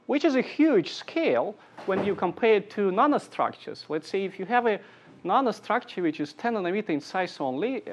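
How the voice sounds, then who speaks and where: A man from Siberia, giving an academic engineering lecture in thoughtful, halting phrases with dry humor. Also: high voice. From Siberia, Russia.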